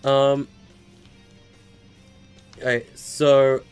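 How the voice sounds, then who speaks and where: A very slow, monotone, medium-pitched voice with a clean tone belongs to an eighteen-year-old man live-streaming a game, with faint music in the background. He chats loosely and rambles as he answers viewers, using frequent fillers and stutters.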